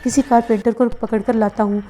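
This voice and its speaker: A woman reading the lines of a hurried, worried young husband in a horror story. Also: fairly high pitch, flat delivery, dark tone, faint music behind, close to an everyday voice. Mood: urgent.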